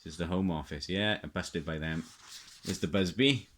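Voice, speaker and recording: A middle-aged man with a low-pitched, slightly bright voice gives casual, unscripted show-and-tell commentary as a hobbyist presenter. He shows items one at a time in a halting way, stopping to muse and often repeating phrases, with slight background noise present.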